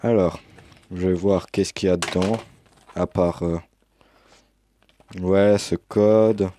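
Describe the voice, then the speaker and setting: A man's voice: deep voice, fairly even intonation, takes it slowly, warm tone, slight background noise. A young man casually commenting as he unboxes a game edition, hesitant with many fillers, recorded on a headset mic. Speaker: unboxing youtuber.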